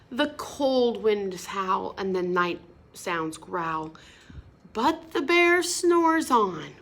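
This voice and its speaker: Woman reading a kids' picture book, slow and sing-songy, stops to explain stuff. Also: high-pitched, a little hiss or hum. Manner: stops to explain words and ask children questions; sing-song, expressive. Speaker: storybook reader.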